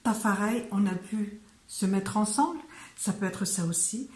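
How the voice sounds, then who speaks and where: A woman teaching phrases in French in a casual online lesson, speaking slowly with many hesitations and fillers. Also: medium pitch, a little mellow, echoey room. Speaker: Malagasy language teacher.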